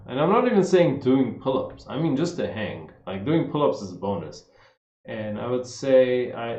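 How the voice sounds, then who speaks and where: A man's voice: mid-range voice, darkish tone. Laid-back man in a roomy livestream. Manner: laid-back, says "man" and "like" a lot, reads questions aloud. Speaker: fitness coach answering viewer questions. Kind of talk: casual livestream Q&A. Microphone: streaming setup. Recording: roomy, slightly dull livestream audio.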